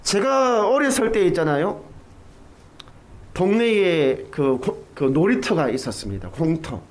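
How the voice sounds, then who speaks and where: A middle-aged Korean pastor with a high voice speaks a little slowly while preaching. He tells a childhood story in an animated way, acting out the voices of the people in it.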